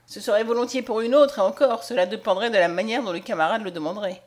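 A woman voicing a gruff, stubborn male soldier who rudely refuses entry, in an audiobook. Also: mid-range voice, fast talker, lightly acted. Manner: curt, rude. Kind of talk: audiobook character voice.

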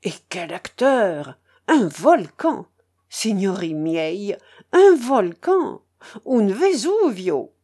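A woman reading the part of a vain old Italian tenor from a storybook, swooping wildly up and down as he brags, his voice wobbling and hoarse. He is pompous and theatrical, dropping grand Italian phrases, and takes his time over every boast. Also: mid-range voice, big pitch swings, extremely slow, mellow, full character voice. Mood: boastful. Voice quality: tremulous, hoarse when singing. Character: boastful old Italian male ex-opera singer.

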